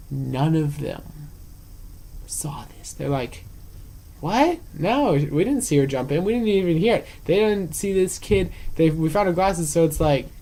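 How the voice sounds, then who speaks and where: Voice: medium pitch, warm tone, low-quality recording. Chatty young vlogger telling stories at home. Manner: chatty, lots of fillers, acts out the other people's lines. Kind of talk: casual storytelling vlog.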